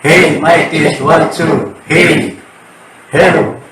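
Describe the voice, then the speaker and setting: A man calling out loud, drawn-out mic tests through a digital echo and reverb effect. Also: on the high side, fairly even intonation, distant mic, noisy background. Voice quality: loud, drawn-out test calls. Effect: digital echo and reverb from a mixer. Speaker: vlogger demonstrating a mixer. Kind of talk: mic test of mixer effects. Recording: heavy echo with music playing behind.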